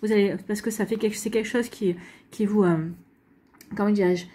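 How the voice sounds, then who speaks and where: Breathy French woman giving a casual reading. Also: medium pitch, fairly even intonation, fairly quick, mellow. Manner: rambling, many restarts and fillers, reassuring. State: hiccups. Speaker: astrology and tarot reader. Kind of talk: casual spoken reading to viewers.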